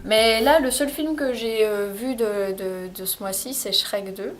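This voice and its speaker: A woman's voice: fairly high pitch, a little slow, over music. A young woman, chatting casually in a recommendations vlog, hesitant, with many fillers and restarts. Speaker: vlogger. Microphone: camcorder microphone.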